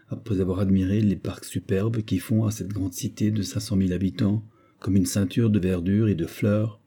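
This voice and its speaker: Dark husky male narrator. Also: on the low side. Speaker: audiobook narrator. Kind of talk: scripted narration of a novel.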